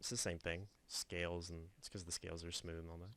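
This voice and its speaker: A man co-hosting a relaxed podcast, his voice sitting on the low side. He trades deadpan jokes and teasing remarks in a casual, chatty way, recorded close and dry with no room sound. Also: a little fast, dry recording. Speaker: podcast co-host.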